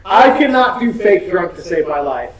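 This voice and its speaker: A man's voice: high voice, expressive, normal speed, recorded from a distance. A man co-hosting a let's-play, chatting and joking while explaining game mechanics. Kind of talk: casual gaming commentary. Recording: echoey room, off-mic, faint hiss.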